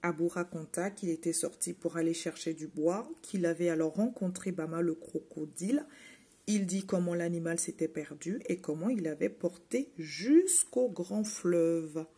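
Woman narrator for a children's tale, low and breathy, expressive reading. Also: normal speed. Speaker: storyteller.

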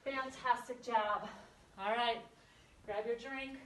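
A woman aerobics instructor leads a home workout in a high voice. She takes her time, counting reps and giving short, encouraging commands. She sounds some way from the mic in a roomy, echoey space. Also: steady tone, slow, a bit bright. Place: carpeted room at home. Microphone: distant camera microphone across the room. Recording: roomy echo, far from phone camera.

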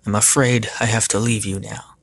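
A man voicing a calm, grave male phantom hero who speaks in a measured, solemn way, with a gravelly voice. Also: fairly low pitch.

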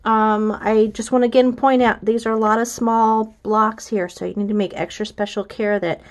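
A woman's voice: fairly high pitch, fairly even intonation, moderate pace. An American woman, a quilting instructor, giving a friendly, chatty how-to walkthrough. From United States.

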